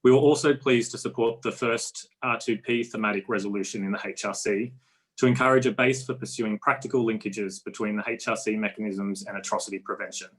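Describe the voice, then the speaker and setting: A man, a diplomat, reading prepared closing remarks in a formal, measured way. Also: fairly low pitch, fairly even intonation, husky.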